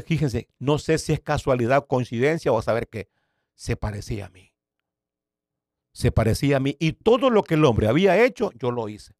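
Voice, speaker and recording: A man in his fifties, an evangelist pastor, tells his testimony as a dramatic story. He repeats words for emphasis and moves between loud bursts and hushed near-whispers. His voice sits mid-pitch and sounds dry, with no room echo. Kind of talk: personal faith testimony.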